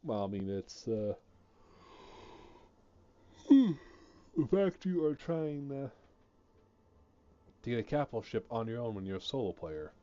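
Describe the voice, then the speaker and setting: A man's voice: mid-range voice, big pitch swings, a little slow, pauses often, mellow, dull audio. A man chatting casually on a gaming stream, rambling and hesitant, full of fillers, sounding a bit sleepy. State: sleepy, yawning.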